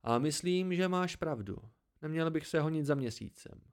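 A man's voice: on the high side, animated, pitched above the performer's own voice, lightly acted. A man doing an eager, impatient young man. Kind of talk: amateur audiobook reading.

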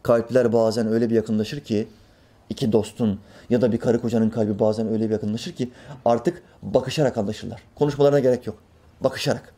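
A man preaching a sermon in an animated way. He acts out everyday voices and drops to a soft, hushed tone for reverent lines. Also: mid-range voice, a little fast.

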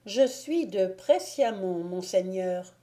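Woman doing a gentle pleading peasant girl. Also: mid-range voice, lively intonation, slow. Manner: humble and beseeching.

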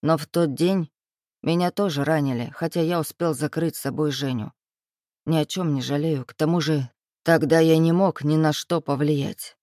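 A woman reading an audiobook voices a curt, self-assured man in power, speaking low, clipped and matter-of-fact. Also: normal speed, warm tone, no echo, clean studio sound, close to an everyday voice. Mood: calm, firm.

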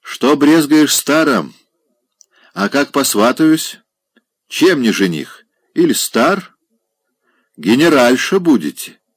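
A man voicing a coarse older male general who loudly mocks a lady with a marriage proposal, in an audiobook reading. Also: mid-range voice, sing-song, husky, no echo, clean studio sound, voice pushed up, full character voice. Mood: mocking. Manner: loud, mocking, drawn-out exclamations.

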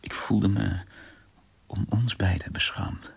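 A man's voice: lowish voice, fairly even intonation, slow pace, gravelly, slightly rough. A man reading a first-person diary novel for radio in an introspective way, often dropping to a near-whisper.

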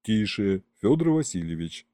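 A man plays a loyal male general who goes from anxious whispers to barked orders. The voice is warm and mellow with a lively, swinging pitch. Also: normal speed, dry recording. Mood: hushed. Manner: urgent, bursts into shouts.

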